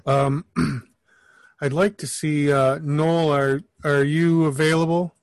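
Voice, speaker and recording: A man hosting a call, speaking hesitantly with many pauses and restarts. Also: on the high side, little pitch movement, no room sound. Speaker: host. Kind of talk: casual chat moderating callers.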